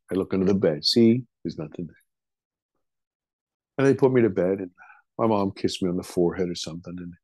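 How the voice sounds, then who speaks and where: A man's voice: lowish voice, no room sound. A middle-aged man, a podcast interview guest, vividly retelling a frightening childhood memory in a loose, casual way, swearing freely.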